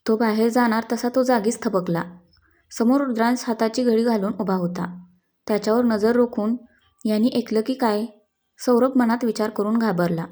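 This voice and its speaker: Brief: female storyteller, slow calm narration, mellow tone. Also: a little high. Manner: slow, calm, even reading.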